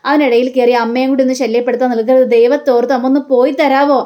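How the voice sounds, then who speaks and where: A woman's voice: high-pitched, level tone, quick pace, dull audio, close to an everyday voice. A woman voicing a stressed grown son who pleads with his mother for peace. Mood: exasperated. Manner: exasperated, pleading.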